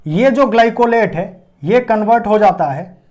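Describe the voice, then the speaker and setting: High-voiced man teaching biology at a board. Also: animated, normal speed, a little mellow. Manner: asks and answers his own questions, checking understanding. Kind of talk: classroom lecture at a board.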